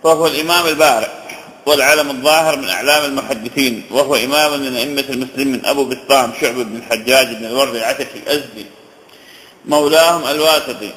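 A man giving a religious lesson, reciting long lists of scholars' names and slowing down to stress key points. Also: medium pitch, fairly bright tone, echoey room, low-quality recording. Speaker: hadith teacher. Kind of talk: religious lesson on hadith narrators.

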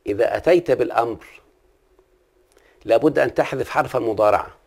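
A man's voice: medium pitch, quick pace, gravelly. A man with an Egyptian accent teaching a classical Arabic grammar lesson, often stopping to ask his listener questions. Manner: asks the listener frequent check-in questions.

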